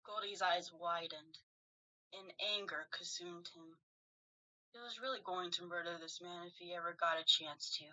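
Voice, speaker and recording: A woman host reading fanfiction aloud with lively narration. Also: fairly low pitch, moderate pace. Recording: dull lo-fi recording.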